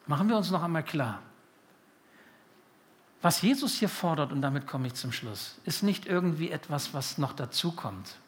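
A man's voice: fairly high pitch, lively intonation, normal speed. Emphatic preacher man. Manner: emphatic, swings from loud insistence to quiet intimacy, repeats phrases. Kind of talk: sermon.

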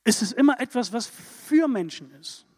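High-voiced emphatic preacher in a hall. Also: male voice, moderate pace, breathy edge. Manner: lively, emphatic preaching with rhetorical questions. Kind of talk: sermon. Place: church hall. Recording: church hall reverb.

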